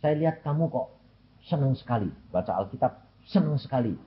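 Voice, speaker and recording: Soft encouraging pastor done by a preacher, lilt, lo-fi. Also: male voice, mid-range voice, expressive, brisk, natural voice. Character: encouraging pastor offering a scholarship. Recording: lo-fi recording.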